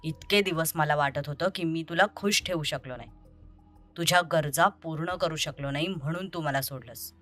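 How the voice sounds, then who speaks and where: A woman voicing an angry young man who confronts his deceitful ex-lover in an audio story, over soft music. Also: sits low, moderate pace, pitched below the performer's own voice. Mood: accusing. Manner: accusing, bitter and confrontational.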